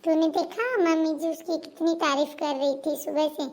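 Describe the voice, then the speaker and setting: A woman playing a jealous, sharp-tongued elder daughter-in-law, sulky and sarcastic. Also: sits high, steady tone, moderate pace, pitched above the performer's own voice. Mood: resentful. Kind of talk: homemade family skit.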